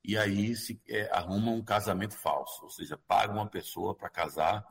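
A man's voice: lowish voice, steady tone, normal speed, gravelly, slightly rough. A man with a Brazilian Portuguese accent explaining things as a guest expert in an interview, often checking for agreement in a conversational way.

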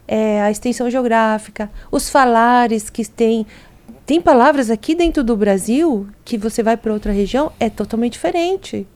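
Woman educator, higher mellow voice, patient explainer with examples, interview guest. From Brazil. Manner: explanatory, walks through word examples. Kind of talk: interview talk.

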